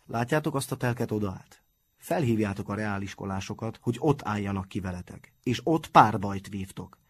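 A man voicing a kind grown-up calmly advising a group of boys in a storybook reading. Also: fairly low pitch, slightly rough.

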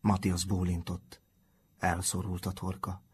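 A man reading a novel aloud in a calm, measured audiobook narration. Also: sits low, breathy edge.

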